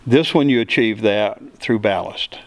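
A middle-aged pilot and aircraft builder answers an interviewer's questions in a plain, step-by-step manner with many fillers, speaking a little slowly in a voice on the low side. A handheld mic held by the interviewer records him in an open hangar without echo.

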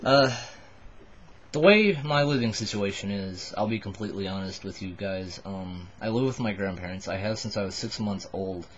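The dull webcam recording carries a little hiss or hum as a tipsy young man, somewhere in his twenties, stumbles through a rambling confession to his subscribers. His voice is lowish, and he's indoors in a small bedroom panelled with wood.

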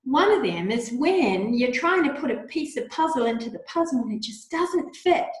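Gentle woman in a very echoey room. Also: high voice, very animated, normal speed. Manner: soft, encouraging, coaxing; breathy audible sighs during breathing exercises. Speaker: children's yoga teacher. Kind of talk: gentle guided yoga lesson for children.

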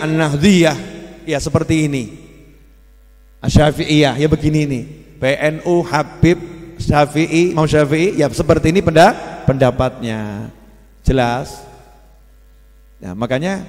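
A man with a Javanese Indonesian accent preaching a sermon in a folksy, animated storytelling manner. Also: fairly high pitch. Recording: long hall reverb.

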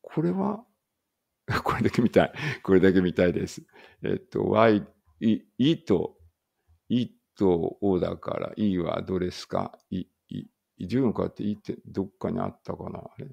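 A man's voice: sits low, animated, normal speed, creaky, a little mellow, husky. A man reading a study text aloud in a casual study-along and thinking aloud in muttered asides. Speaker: language teacher reading aloud.

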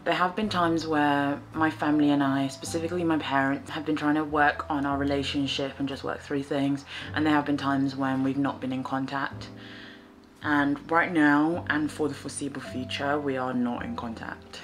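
A soft-spoken young woman talks to camera from her sofa in a low, gentle voice. She sounds reflective and low-key, sharing personal thoughts as she knits. Faint music plays underneath. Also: flat delivery, moderate pace. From England. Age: 20s. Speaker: fibre artist and vlogger. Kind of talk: casual chat to camera while knitting. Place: small living room, indoors, on a sofa.

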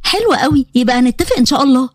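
A woman voicing a chatty, cheerful young female student with an Egyptian accent, friendly and excitable. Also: high voice, rapid-fire, no echo, studio quality. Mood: gossipy.

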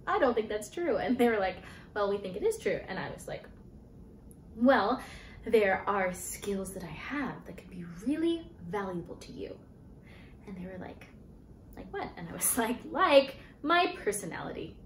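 A woman's voice: medium pitch, very animated, moderate pace, lightly acted. An actress in her twenties playing a flustered, defensive young jobless graduate in a naturalistic stage monologue, rambling and hesitant. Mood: pleading, earnest. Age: 20s. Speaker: actor performing a monologue. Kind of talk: naturalistic contemporary theatre monologue. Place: small bare-walled room indoors. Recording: echoey room, faint hiss and noise.

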